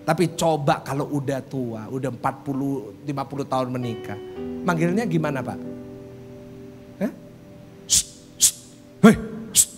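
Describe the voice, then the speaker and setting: A man's voice: mid-range voice, moderate pace. A male pastor preaching a humorous church sermon, telling jokey stories and acting out quotes. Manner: animated joking storytelling, acts out quotes. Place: church service. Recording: sermon with guitar music underneath. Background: guitar music.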